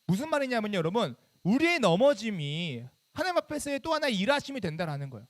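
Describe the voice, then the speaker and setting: High, lively youth pastor preaching. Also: male voice, fast talker. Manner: animated, conversational, quizzes the teens with questions; bursts into loud scolding when acting out his younger self. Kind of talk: sermon to middle schoolers.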